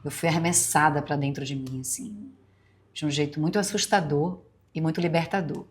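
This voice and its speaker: Her low, leisurely voice and Rio-softened Bahian Brazilian accent frame a reflective podcast monologue by this woman in her forties. She meanders through recollections, adding asides and fillers, addressing listeners as close confidants.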